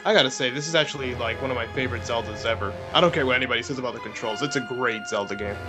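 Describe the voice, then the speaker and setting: A man with a medium-pitched voice races through casual let's play co-commentary, joking and chatting with game music playing under him.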